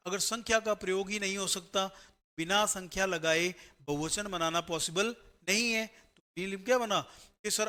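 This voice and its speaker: A male grammar teacher lectures exam students step by step in a classroom, often checking in with a quick "right?". His voice is high-pitched with a sharp tone.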